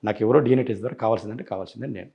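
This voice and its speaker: A man's voice: lowish voice, very fast, creaky, mellow. A man as an interview guest, telling his side insistently and acting out past phone calls. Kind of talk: rapid interview account.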